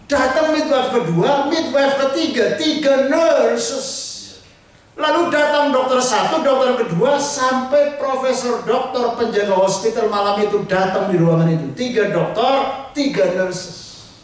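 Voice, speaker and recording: A male pastor preaching a sermon, telling a personal story in an animated, humorous way. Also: very high voice, unhurried. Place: church hall. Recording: echoey hall from far off.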